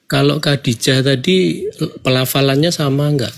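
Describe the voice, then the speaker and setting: A man's voice: mid-range voice, normal speed, creaky, slight background noise. A man in an online debate, asking questions in a hesitant way on a video call.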